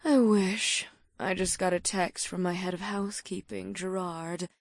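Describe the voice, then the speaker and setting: A man's voice: fairly even intonation, unhurried, vocal fry, dry recording, studio quality, exaggerated voice. A man doing a purring, sultry succubus. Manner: soft, low, purring delivery. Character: sultry female succubus club owner, calm and flirtatious.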